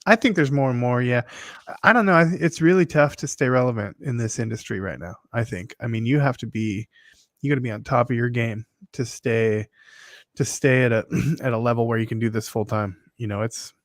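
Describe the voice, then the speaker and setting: A man's voice: medium pitch, a little fast, fairly bright tone, no echo. Plain-spoken man, close dry sound. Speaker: podcast co-host, working photographer. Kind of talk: casual chat.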